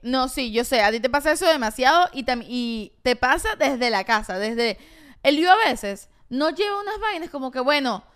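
A woman with a high, smooth voice, co-hosting a podcast. She chats casually and teases her co-host. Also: animated, fairly bright tone. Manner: teasing, quick to laugh and push back. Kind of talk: casual chat.

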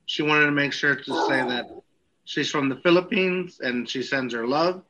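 A man's voice: a little high, moderate pace, lo-fi sound, noisy background. A man hosting a casual podcast chat, reading out listener questions and joking along with laughs.

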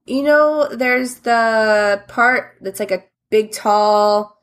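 A woman's voice: on the high side, extremely slow, fairly bright tone. Chatty, playful woman talking games. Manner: chatty, giggly, playful nicknames. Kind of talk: casual chat about video games.

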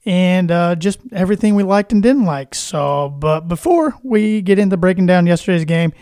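Guy hosting a sports podcast, kinda high voice, chatty, dead dry sound. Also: expressive, moderate pace, a little mellow, smooth, no echo. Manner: chatty, friendly, with frequent fillers. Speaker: podcast host. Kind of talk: casual sports podcast chat.

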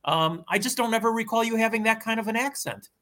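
A man hosting a casual sports interview, chatty and friendly. His voice sits a little high and rings bright and forceful. His questions wander before they land. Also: fast. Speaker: host, former basketball player.

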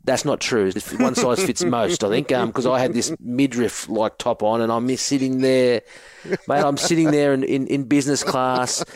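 Speaking at a normal pace in a medium-pitched voice on a dry recording, this Australian co-host in his forties tells joking stories in relaxed chat. The ex-rugby forward says mate a lot.

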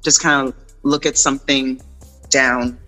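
Bright-voiced, reassuring man coaching informally. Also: medium pitch, level tone, measured pace, soft background music. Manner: encouraging, reassuring; informal, short emphatic phrases. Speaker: meditation and wellness guest. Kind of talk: conversational explaining and coaching.

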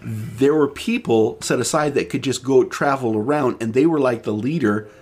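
A man's voice: medium pitch, moderate pace, darkish tone. A man hosting a casual podcast chat, explaining at length with many restarts and fillers. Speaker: podcast host presenting the topic.

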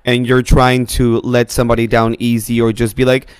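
A man's voice: medium pitch, completely flat delivery, normal speed, clean tone, no echo. Wry young man in podcast chat. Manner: wry, teasing interjections. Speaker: podcast co-host. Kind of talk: casual chat.

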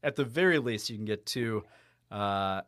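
A man's voice: on the low side, animated, normal speed, a bit bright, dry recording, clean studio sound. A man co-hosting a sports podcast in casual, chatty talk, laughing easily. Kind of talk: casual sports betting chat.

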